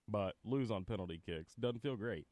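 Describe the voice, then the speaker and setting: A man's voice: on the low side, moderate pace, darkish tone, no echo. A man with an American Midwest accent co-hosting a sports radio show. He chats easily and laughs along with his partner. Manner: laughs easily, talks in long, searching sentences. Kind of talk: casual sports talk radio banter.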